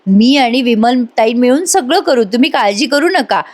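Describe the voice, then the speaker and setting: A woman doing a gentle young daughter-in-law. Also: fairly high pitch, expressive, moderate pace, pitched above the performer's own voice.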